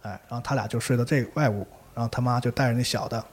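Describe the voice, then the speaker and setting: A man hosting a podcast, telling a ghost story in a casual, animated way and acting out the characters. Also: medium pitch, very fast, breathy edge.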